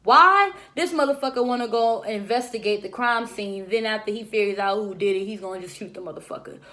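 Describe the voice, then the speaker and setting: A woman's voice: medium pitch, brisk. A young woman casually recapping a TV episode, swearing freely and acting out the characters' lines. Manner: animated, acts out characters' lines. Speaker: TV recap vlogger.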